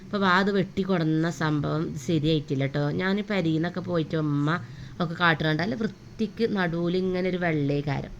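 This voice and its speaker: A young mother talks through her day in a quick, homely, chatty voice-over. Her voice sits low for a woman. A faint room ambience hums underneath. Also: lo-fi sound, a little hiss or hum. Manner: chatty, homely, with frequent tag words. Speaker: vlogger, mother. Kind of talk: casual day-in-my-life voice-over.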